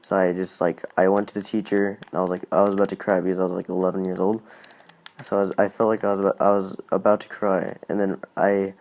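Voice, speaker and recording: A man's voice: deep voice, darkish tone. A man hosting a gaming channel, telling a casual personal story in a rambling way, full of "like"s and restarts.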